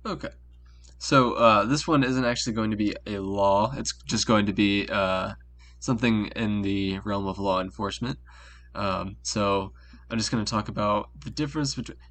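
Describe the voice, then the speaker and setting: A man's voice: on the low side, moderate pace, fairly bright tone. A man co-hosting a podcast, explaining things in a laid-back way with many fillers, talking over a voice call. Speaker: podcast co-host. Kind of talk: casual chat on a call.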